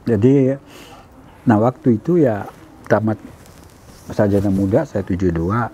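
A man's voice: on the low side, measured pace, mellow, a little hiss or hum. A man in his seventies from Palembang, reminiscing as an interview guest and often acting out old conversations. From Palembang, Indonesia.

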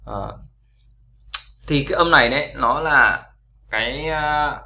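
A man's voice: medium pitch, sharp tone. A man teaching English pronunciation in a casual tutorial, repeating each sound over and over with frequent fillers.

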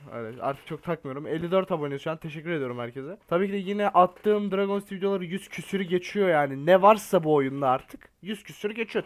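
A man giving casual gameplay commentary from his bedroom, talking bluntly in a ranting, slangy way. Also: fairly high pitch. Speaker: gaming YouTuber.

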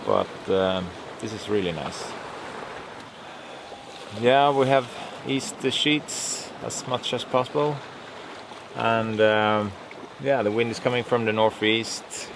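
A Swedish sailing vlogger in his forties chats casually about the sail from the cockpit of a boat at sea, his low voice slow and touched with vocal fry. He's relaxed and matter-of-fact, using sailing jargon, filmed on a handheld camera close to his face with wind and waves audible outdoors.

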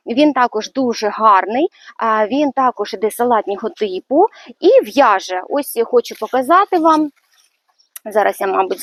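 A woman's voice: on the high side, dry recording. A woman giving a casual walkthrough of her vegetable garden, chatty and a little hesitant, with many fillers. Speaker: gardening vlogger.

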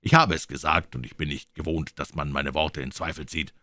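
A man voicing a proud, commanding prince who speaks low and measured. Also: fairly even intonation, bright, forceful tone, no room sound, clean studio sound. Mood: haughty.

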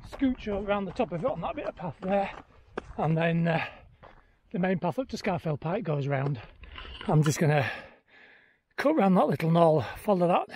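Middle-aged male vlogger, high lively voice, talking casually while running, noisy outdoor handheld recording. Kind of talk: casual vlog narration to camera. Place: outdoors on an open mountainside. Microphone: handheld action camera at arm's length.

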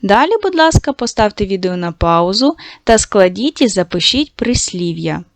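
A woman teaching a recorded lesson to young schoolchildren, patient and encouraging, slowly stretching out sounds to show how they are said. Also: medium pitch, animated, no echo. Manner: praising, addresses children directly.

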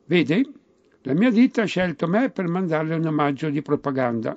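A man's voice: fairly high pitch, moderate pace, a little mellow, no echo, muffled recording, lightly acted. A man voicing a sweet, polite saleswoman in a comic dialect story, reciting product lists. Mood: polite sales patter. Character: tall blonde saleswoman, polite, sweet-voiced, relentless product lister. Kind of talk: comic storytelling, acted dialogue.

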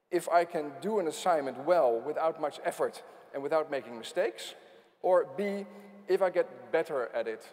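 Halting man with a tongue on stage. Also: fairly high pitch, darkish tone. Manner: halting, with many repeated words. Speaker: conference host. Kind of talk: conference remarks. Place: large conference hall stage. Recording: hall reverb.

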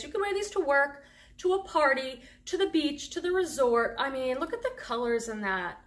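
Her voice sits high with a fairly bright tone. This middle-aged reselling vlogger from the Boston area, USA, chats eagerly through a thrift haul, thrilled by her clothing finds, and a faint Boston accent surfaces on a handful of words in the casual vlog.

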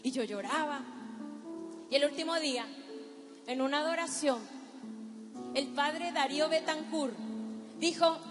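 Woman in her 30s preaching to a big crowd, high voice, music playing under her, echoey hall. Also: steady tone. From Paraguay. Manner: emphatic, directs the crowd, slows for dramatic effect. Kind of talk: testimony and prayer preaching at a youth event. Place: large hall with live audience. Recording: reverberant hall with background music.

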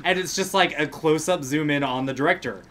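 A man's voice: a little high, brisk, a bit bright, slight background noise. A man providing casual commentary alongside a streamer, riffing wryly on absurd ideas. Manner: wry, riffing on absurd bits. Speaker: co-host commentator.

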